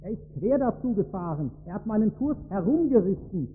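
A man's voice: sits high, very animated, a little fast, faint music behind. Preacher man in an echoing hall. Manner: emphatic, storytelling preacher. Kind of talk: sermon. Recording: tinny phone-like sound in a reverberant hall.

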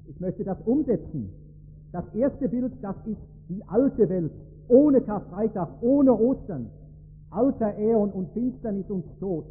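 A man's voice: high-pitched, expressive, a little slow, husky. A man preaching a sermon, telling stories with emphasis and rising to stress key words. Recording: tinny phone-like sound in a reverberant hall.

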